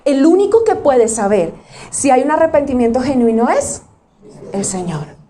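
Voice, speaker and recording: A woman's voice: high voice, very animated, normal speed, warm tone. A woman pastor preaching conversationally, often asking the audience questions and acting out quotes. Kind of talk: sermon.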